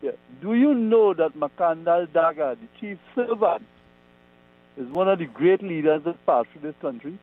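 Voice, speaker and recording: A man, calling in to a radio show over a clipped phone line and speaking in an emphatic, deliberate way. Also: fairly high pitch, lively intonation. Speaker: caller. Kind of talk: call-in radio chat.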